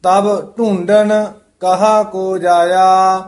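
High, flat man chanting very slowly. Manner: measured, even, word-by-word chant. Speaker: student reciting scripture. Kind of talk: slow chanted recitation.

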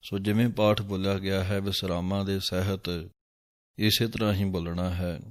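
Man, recitation teacher; steady low voice, flat and very slow, deliberate diction. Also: no echo, clean studio sound. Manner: measured, deliberate, carefully enunciated. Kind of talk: slow chanted recitation with spoken pronunciation notes.

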